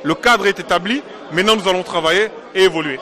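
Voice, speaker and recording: A man's voice: high voice, quick pace, pushed and bright, a faint crowd. A man from Congo, a diaspora political activist, answering interview questions in an emphatic, insistent way and repeating his points.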